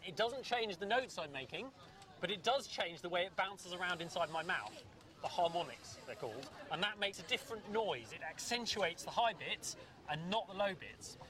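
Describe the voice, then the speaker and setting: A man presenting a science demonstration, explaining it lively and quizzing his audience. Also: sits high, normal speed, distant mic.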